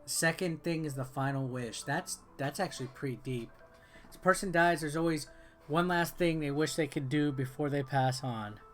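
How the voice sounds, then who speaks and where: A man with a somewhat high voice talks at a moderate pace, giving easygoing gameplay commentary and reading the game's text. He works as a game reviewer and video host, and game music can be heard behind him.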